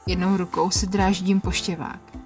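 A woman narrating an erotic story in the first person, quiet and intimate, with a husky voice. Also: fairly low pitch, flat delivery, music in the background. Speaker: podcast narrator.

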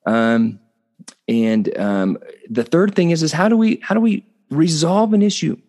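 A man's voice: a little high, expressive, unhurried, darkish tone. A man hosting a solo relationship podcast, explaining in an earnest, teaching way and often restarting and repeating words mid-sentence. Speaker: podcast host.

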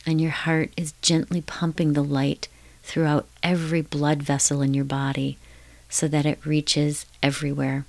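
A woman leading a guided hypnotic relaxation in a slow, soothing, hushed countdown manner with repetitive, lulling phrasing. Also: low voice, little pitch movement, dry recording.

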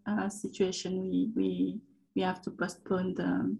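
A woman from Ivory Coast with an Ivorian French accent, answering interview questions haltingly as she searches for words. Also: on the low side, completely flat delivery, gravelly, mellow, poor audio. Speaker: startup founder and guest.

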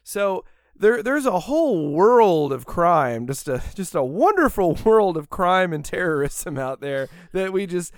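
Podcast host, American man, smooth resonant voice, loose rambling talk with curses, dry booth. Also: high voice, sing-song, unhurried, no echo. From United States. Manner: rambling, profane, laughs often. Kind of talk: casual podcast chat.

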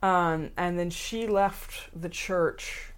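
A woman from the American South chatting casually, telling animated stories with many ums and restarts. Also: lowish voice, drawn-out words, smooth. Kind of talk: casual chat.

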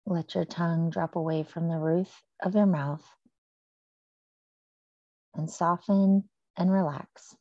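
A woman leading a guided breathing meditation, speaking slowly and softly with long pauses. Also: fairly low pitch, fairly even intonation, no echo, muffled recording. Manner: slow, soft and soothing with long pauses.

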